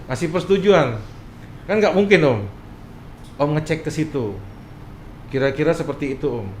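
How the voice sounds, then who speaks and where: A man's voice: a little high, normal speed. A man with a Palembang accent explaining things conversationally as a notary guest, often checking back with his listener, slightly muffled through a face mask. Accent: Palembang, South Sumatra. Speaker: guest notary, association chairman. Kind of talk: casual explanatory interview talk. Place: indoor office room. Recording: echoey room with faint noise.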